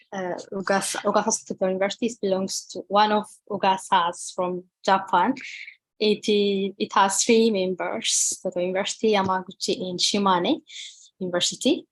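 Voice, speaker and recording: A young woman from Ethiopia, a PhD student, giving a halting webinar presentation with many fillers and restarts over a video call. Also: mid-range voice, no echo.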